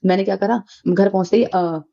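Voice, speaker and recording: A woman's voice: medium pitch, fairly even intonation, brisk, vocal fry, mellow. A middle-aged woman telling a casual devotional testimony, chatty and full of fillers and restarts, addressing her listeners as sangat ji. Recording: dull lo-fi recording.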